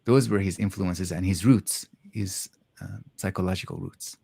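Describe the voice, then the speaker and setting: A man with a fairly low voice, recorded close and dry, talks in a reflective interview. He is thoughtful and halting, often pausing and restarting as he searches for the right words. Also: steady tone, creaky, warm tone, husky, dry recording.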